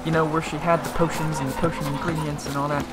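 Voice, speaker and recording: A gaming video host talks in a fairly high, flat voice at a fast clip, rambling casually through let's-play commentary and often cutting himself off. The recording is rough, with video game music and sounds playing behind him.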